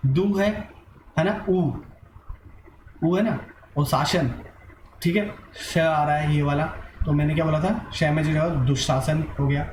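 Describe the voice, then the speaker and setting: A man's voice: a little high, fairly even intonation, slow pace, pauses often, darkish tone, echoey room, slight background noise, poor audio. A man teaching an online grammar lesson, asking and answering his own questions and mixing in English words.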